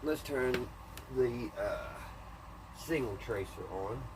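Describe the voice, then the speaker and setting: Working through an antique radio repair, a man talks to himself in a folksy, muttering way, thinking out loud in a casual hands-on video. His voice is mid-range and slow-paced, and the home footage is clearly noisy.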